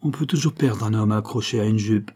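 A man's voice: on the low side, brisk, dark tone, husky. A man voicing a patient, scheming young impostor who talks in a calculating way.

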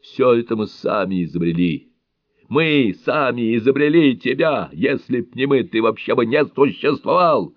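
A frenzied priest bellows at the heavens in a high, strained, thundering voice and drags out every word, as a man reads him in an audiobook thriller. The recording is dry and a bit dull. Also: sing-song, no echo, full character voice. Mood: raging. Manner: shouting, thundering, drawn-out words. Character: frenzied half-naked male priest raging at God.

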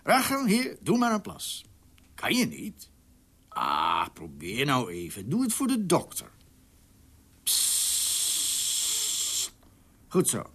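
A secretive man shut up in his home, sneering one moment and whispering the next. His voice leaps wildly up and down and has a husky edge. He sounds like a figure in a radio play. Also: on the high side, wildly swooping pitch, slow, long pauses, bright, forceful tone, full character voice. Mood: mocking. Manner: swings between mocking and frantic whispers. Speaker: lead character. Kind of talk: radio drama acting.

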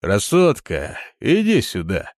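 A man voicing a swaggering, brutish deputy sheriff who talks down to newcomers in a loud, leering way. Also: lowish voice, wildly swooping pitch, slow pace, dry recording, clean studio sound, heavily acted.

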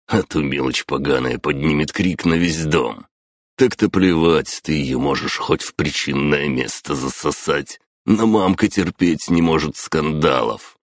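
A brutish young bully in an audiobook, sneering and crude, his taunts loud and rough, as a male narrator voices him. The voice sits a little above the reader's own, with a gravelly, husky edge, and it is recorded close and dry. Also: a bass voice, no echo, exaggerated voice.

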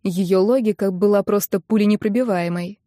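A woman's voice: medium pitch, moderate pace, mellow, dry recording, clean studio sound. A woman narrating a first-person audiobook with an intense, emotional delivery.

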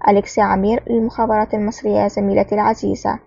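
A woman's voice: medium pitch, level tone, racing, creaky, warm tone, slightly rough, no echo, highs cut off. A woman voicing a cunning male spy who speaks coolly and with confidence in a storybook reading. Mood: amused. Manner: cool, self-assured. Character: cunning male Egyptian spy, cool and mocking.

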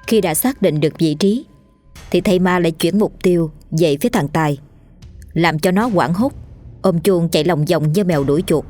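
A woman with a Southern Vietnamese accent narrating a ghost story in a lively, colloquial storytelling manner. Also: on the low side, moderate pace, faint music behind.

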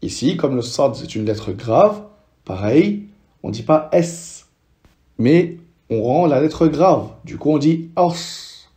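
Homme patient à voix douce et lente. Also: male voice, medium pitch, expressive, slow, warm tone. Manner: patient, repeats each sound for learners to echo. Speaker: Arabic reading teacher. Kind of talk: slow step-by-step language lesson.

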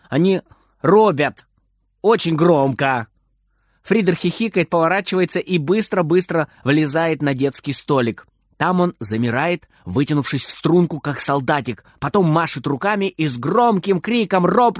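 A man narrating a children's story aloud, lively and expressive. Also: fairly high pitch, moderate pace, dry recording, studio quality. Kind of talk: storybook reading.

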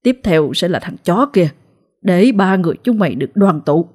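A cruel, cold-blooded husband snarling his threats, as a woman narrator puts him on. The voice sits low and dark, sneering between words. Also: expressive, normal speed, slightly rough. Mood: vicious sneering.

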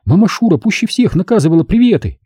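In a high, lifted voice, a man plays a devoted young woman, tearful and eager. She speaks in breathless exclamations. The tone stays husky and dark, and the sound is dry and close. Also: big pitch swings, quick pace, no echo, exaggerated voice. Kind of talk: audiobook reading.

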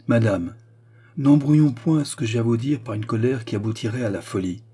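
A man's voice: medium pitch, a little fast, dark tone, husky, lightly acted. A man reading an audiobook, voicing a jealous young nobleman who speaks with intense, barely restrained accusation. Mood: brooding.

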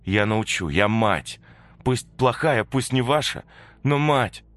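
A man's voice: mid-range voice, animated, takes it slowly, a bit bright, no echo, voice pushed up. A man voicing a determined young woman who acts as a fierce protective mother to ghost children, pleading and commanding by turns, read in a dry, close recording. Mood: urgent, commanding.

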